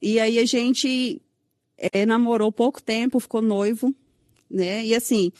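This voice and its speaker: A woman's voice: on the high side, steady tone, measured pace, a little mellow, no room sound, studio quality. A woman from São Paulo with a Brazilian accent, telling her personal story in an interview and tagging sentences with "né?". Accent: Brazilian Portuguese, São Paulo. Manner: recounts with many "né?" tags and quoted dialogue. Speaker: guest sharing her testimony. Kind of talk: emotional personal testimony.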